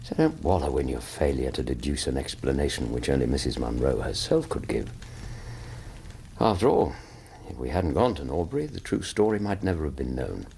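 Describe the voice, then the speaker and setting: An actor with an English accent playing a loyal, kindly Victorian doctor in a radio drama, reassuring and companionable. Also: male voice, rumbling low, sing-song, normal speed, creaky, warm tone, a little hiss or hum, heavily acted. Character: loyal, kindly Victorian doctor, detective's concerned old friend. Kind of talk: period radio drama acting.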